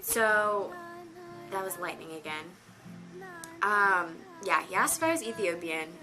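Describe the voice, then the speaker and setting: A nineteen-year-old woman vlogs to camera from her bedroom on a rainy day, chatting casually and rambling with plenty of fillers. Her medium-pitched voice is expressive and measured, with music underneath.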